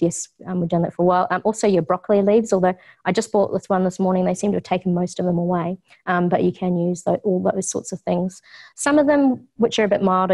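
Somewhat low and creaky with a darkish tone, this middle-aged New Zealand woman's voice carries a casual community talk on food science in an office kitchen. She's chatty, drops frequent ums, and laughs with ease.

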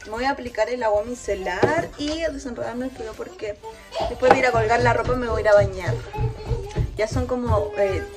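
Loud music plays over a vlog in which a woman in her 20s chats casually through her daily household chores. She is in a small home indoors, holding her phone at arm's length, and her voice is a little high and brisk.

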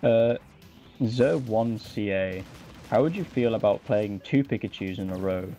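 A man doing lively, casual play-by-play commentary with quick reactions. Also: fairly low pitch, soft background music. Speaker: esports commentator.

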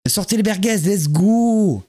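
A man live-streaming a horror game, chatting with viewers in a jokey, lively way and greeting them one by one. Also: sits high, a little slow.

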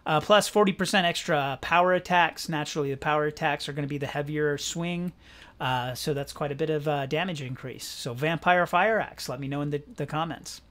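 A young man hosting a gaming channel, giving casual, rambling commentary with lots of fillers. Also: a little high. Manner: relaxed, rambling, many fillers.

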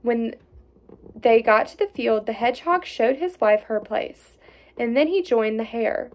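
A woman reading a fairy tale aloud in an expressive storytelling way, with small slips. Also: a little high, moderate pace.

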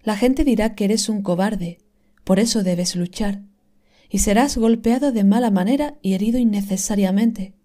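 Woman reader, calm scripted reading, mellow warm tone, unhurried delivery with hushed whispered moments. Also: mid-range voice. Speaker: reader of inspirational texts.

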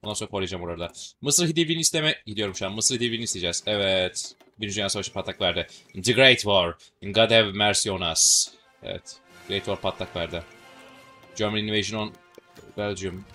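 A Turkish-accented man rattles through his strategy game at high speed, joking and cursing casually. His voice sits low but has a bright, forceful edge. Faint game music plays underneath. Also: quick pace. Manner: chatty, joking, swears casually. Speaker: gaming channel host.

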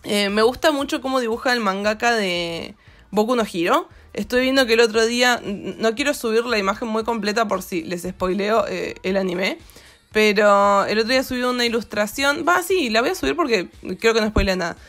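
A woman's voice: fairly high pitch, fairly quick, fairly bright tone, faint music behind. A woman with an Argentine accent, hosting an art channel and chatting casually and ramblingly over her drawing footage, with lots of fillers. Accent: Argentine Spanish.

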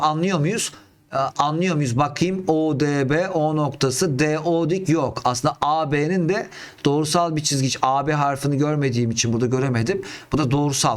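A man with a fairly high voice teaches geometry, thinking aloud and asking questions to himself as he works. He sounds middle-aged and close to the mic. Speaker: math teacher. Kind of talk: talking through geometry problems.

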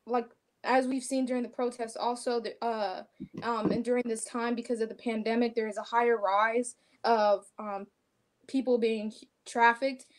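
A young woman who leads a youth nonprofit, explaining its work earnestly, pausing often on a video call. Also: a little high, flat delivery. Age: young adult. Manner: earnest, informative, hesitant with fillers. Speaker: nonprofit president.

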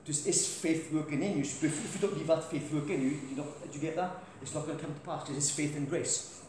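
A middle-aged British man, a guest preacher, delivers a loud crusade-style sermon full of anecdotes, walking about a large church hall. His voice is fairly high and quick. A distant camera with no mic captures it, so the hall echoes and faint noise lingers.

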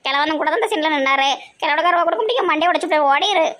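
A woman playing a bossy, quick-tempered village elder sister in a comedy skit, with a Tirunelveli Tamil accent and blunt, threatening banter. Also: high-pitched, fairly bright tone.

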